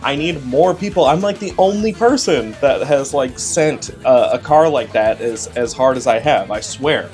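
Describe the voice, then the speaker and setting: A man's voice: medium pitch, animated, normal speed, hardly any pauses, darkish tone. Enthusiastic man over faint guitar music. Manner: enthusiastic, slangy. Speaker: reaction host. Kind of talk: casual chat reacting to a video.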